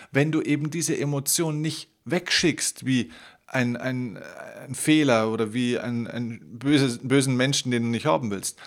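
A man hosting a self-help podcast, talking earnestly and directly to the listener as a coach. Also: medium pitch. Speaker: podcast host. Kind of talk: motivational self-help monologue.

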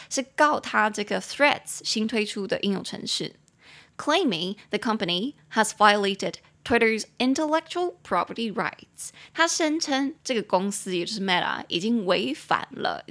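A woman's voice: mid-range voice, sharp tone. A young woman, chatting animatedly as the host of a podcast English lesson.

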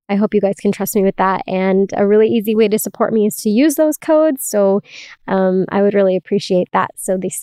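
A woman's voice: mid-range voice, a little mellow, clear, resonant tone, no room sound, clean studio sound. A woman podcast host recording inside a closet, talking in an informal, confiding, giggly way in a casual solo chat. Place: inside a small closet with towels.

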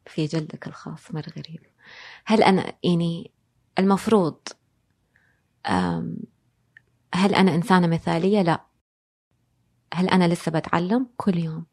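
A woman talks as an interview guest in a slightly low voice. She speaks reflectively and slips English phrases into her sentences. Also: darkish tone, husky. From Saudi Arabia. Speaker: guest, designer and blogger. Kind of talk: casual interview conversation.

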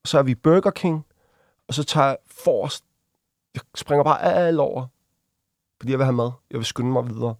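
A man speaks as a guest in a casual interview, recounting events with halting restarts and fillers. He slips into acted voices when quoting others, which keeps the telling lively. His voice sits at a middle pitch in a dry, close recording. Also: no echo. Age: adult. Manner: vivid, acts out quoted voices while retelling.

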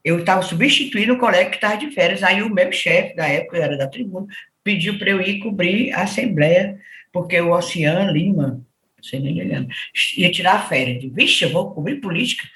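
Woman, Ceará accent, political journalist, animated storyteller, bright voice, echoey room. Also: fairly low pitch, fairly quick. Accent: Northeast Brazilian, Ceará. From Ceará, Brazil. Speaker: podcast guest, political journalist. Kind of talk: casual chat.

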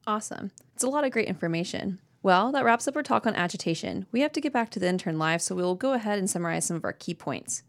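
Female podcast host, corporate training video read, brisk pace, slightly creaky voice, upbeat presenter delivery. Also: mid-range voice, expressive. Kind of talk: scripted educational narration, like a corporate training video.

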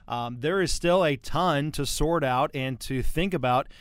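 A man hosting a casual sports podcast in a dry, close studio sound. His voice sits a little high and comes through smooth and clear. He talks in a chatty, teasing way and often restarts mid-sentence. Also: measured pace, no echo. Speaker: podcast host.

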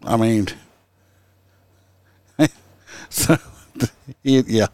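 A man's voice: lowish voice, drawn-out words, warm tone, dry recording. A man hosting a podcast, chatting casually and joking, laughing often and acting out quotes. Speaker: podcast host. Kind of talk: casual comedic chat.

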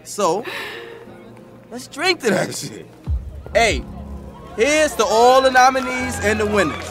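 An actor playing an easygoing young male musician in a video game, talking in relaxed slang and teasing playfully. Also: very high voice, takes it slowly, soft background music, a faint crowd, full character voice. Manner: laid-back slang, playful, reassuring. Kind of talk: game character dialogue.

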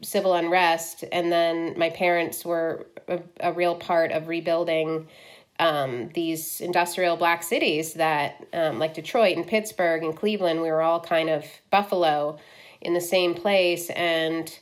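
A woman's voice: on the low side, fairly even intonation, measured pace. A woman in her fifties from Ohio, a film director, talking frankly in an interview, with many fillers. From Ohio, US Midwest. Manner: frank, lots of likes and ums. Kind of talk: candid conversational interview.

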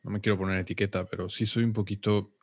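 A man's voice: on the low side, little pitch movement, quick pace. A man, hosting an interview, who thoughtfully reflects on his own family life. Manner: thoughtful, reflective, shares personal stories. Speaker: podcast host. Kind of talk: casual interview conversation.

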